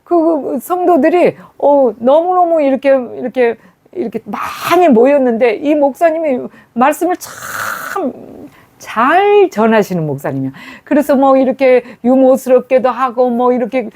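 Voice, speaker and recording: A woman's voice: sits high, animated, a little slow, a little mellow. A woman preacher delivering a sermon, telling stories with frequent fillers and hesitant restarts.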